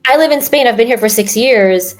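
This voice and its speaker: A woman's voice: fairly high pitch, brisk, faint music behind. Chatty young woman from New York. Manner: rambling, many fillers and restarts. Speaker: guest. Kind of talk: casual interview chat.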